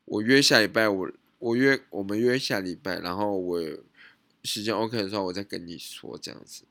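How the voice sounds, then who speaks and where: Hesitant low gravelly Taiwanese man. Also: brisk, pushed and bright, no room sound. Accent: Taiwanese Mandarin. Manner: hesitant, lots of restarts and self-questioning. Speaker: podcast host. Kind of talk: casual solo storytelling.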